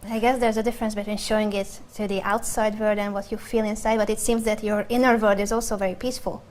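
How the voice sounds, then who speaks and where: A woman's voice: mid-range voice, level tone, fast talker, a little mellow. A woman interviewer asking a chess player earnest, carefully worded questions.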